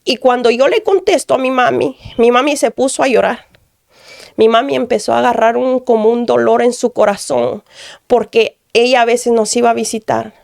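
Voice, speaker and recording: A woman's voice: a little high, fairly even intonation, moderate pace, vocal fry, a little mellow, dry recording, studio quality. A woman from Guatemala giving an earnest personal testimony, repeating phrases and often addressing the pastor. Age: adult.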